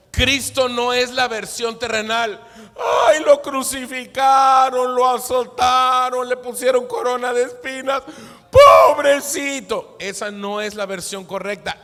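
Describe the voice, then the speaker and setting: A pastor preaches in a high voice with an unhurried pace. He drives his points home by asking questions and answering them himself, and his voice carries a long echo through a large church. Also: fairly bright tone. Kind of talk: sermon.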